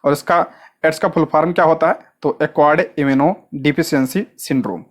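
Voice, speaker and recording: A coaching teacher delivering an exam-prep lecture in a steady middle register. The delivery runs in a question-and-answer rhythm, each point posed and answered straight away, with frequent short check-ins and repeated stress on what matters. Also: medium pitch, fairly quick. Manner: asks rhetorical questions and answers them at once.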